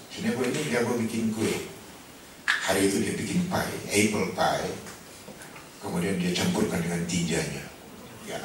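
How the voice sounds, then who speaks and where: A male preacher giving a Ramadan study sermon, telling lively stories and acting out voices with humor. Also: low voice. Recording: echoey hall from far off with noise.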